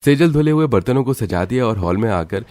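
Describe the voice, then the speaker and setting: A man narrating a cartoon family story in a steady, scripted way. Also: medium pitch, a little fast.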